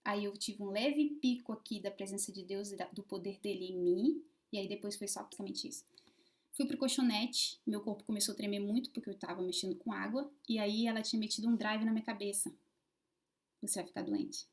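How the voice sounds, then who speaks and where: A woman telling a personal story to camera in a casual, expressive way, swinging between loud emphasis and hushed asides. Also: medium pitch, fairly quick.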